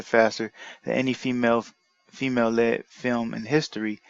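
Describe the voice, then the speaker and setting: A man with a gravelly, fry-laden voice reads an article aloud and rebuts it line by line, indignant and argumentative, often breaking off to restart his sentences. The sound is dry and a little dull, close to the microphone. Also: mid-range voice, fairly bright tone, dry recording. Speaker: commentary vlogger.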